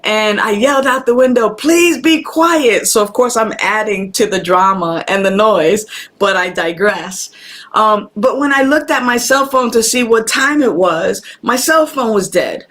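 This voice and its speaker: A woman minister hosts a live-streamed spiritual talk, her medium-pitched, fairly bright voice animated at a moderate pace. She greets viewers by name and preaches conversationally, repeating phrases for emphasis. The audio comes from a camera microphone.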